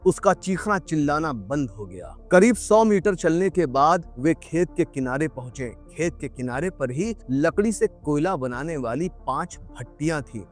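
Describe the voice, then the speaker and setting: A man narrating a true crime story in a grave, measured, scripted storytelling manner. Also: a little high. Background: faint background music.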